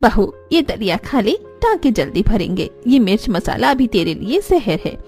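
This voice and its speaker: A woman's voice: medium pitch, sing-song, normal speed, darkish tone, faint music behind. A stern scolding mother-in-law. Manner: scolding, indignant. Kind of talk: animated cartoon voice acting.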